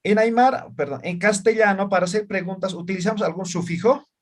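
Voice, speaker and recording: A man's voice: high voice, fast talker. A man teaching an online class in Spanish and Aymara, often checking whether his students follow. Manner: asks frequent check questions.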